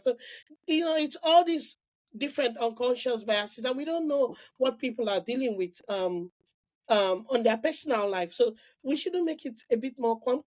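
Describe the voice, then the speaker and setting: This podcast guest is a middle-aged woman from Nigeria narrating her story in a casual interview, lively and peppered with restarts and "like." Her voice is a little high.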